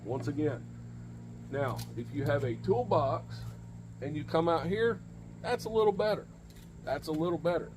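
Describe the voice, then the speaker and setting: Standing in a home driveway next to a pickup truck, the forty-something host of CB radio tips videos demonstrates things in a plain-spoken, informal way and repeats his key points. He speaks at a normal speed with a fairly high pitch and lively intonation, leaving long pauses, and background noise can be heard.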